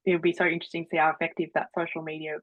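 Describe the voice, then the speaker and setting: A woman's voice: deep voice, little pitch movement, very fast, no room sound. A woman presenter answering webinar questions, hesitant with many fillers, often laughing. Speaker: guest presenter. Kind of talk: online webinar Q&A. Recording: dry, phone-like audio.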